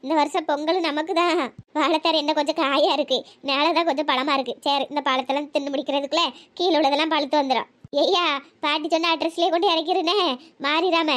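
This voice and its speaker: Nosy Tirunelveli granny, voiced by a woman, shrill. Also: steady tone, quick pace. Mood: bossy. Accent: Tirunelveli Tamil. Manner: scolding, teasing, calls out loudly. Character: bossy nosy old village grandmother. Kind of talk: cartoon comedy voice acting.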